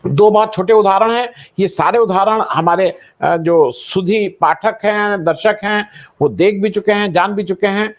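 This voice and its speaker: A man, an author and panel guest, speaking in a measured, critical way with frequent hesitations. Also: high-pitched. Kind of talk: panel discussion.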